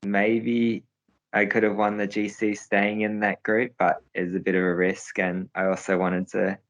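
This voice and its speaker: Deep, flat-voiced young man, hesitant. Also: measured pace, low-quality recording. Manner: hesitant, many fillers and restarts. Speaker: interviewed pro cyclist. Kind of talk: casual interview answers.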